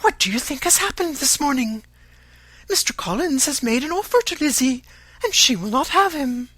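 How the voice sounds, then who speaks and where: Narrator putting on excited young sister, high voice, breathless gossip, audiobook style. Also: moderate pace, no room sound. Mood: giddy, excited.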